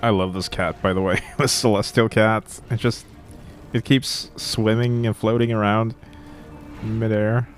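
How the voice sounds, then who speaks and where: Relaxed, playful man streaming a game. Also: on the low side, unhurried. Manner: relaxed, playful, explaining as he plays. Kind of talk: casual live-stream commentary. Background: game music.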